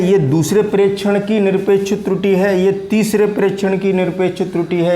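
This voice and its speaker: Echoey, fairly high-voiced male teacher. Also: darkish tone. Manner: patient, repeats and dictates slowly. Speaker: physics teacher. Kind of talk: whiteboard physics lesson.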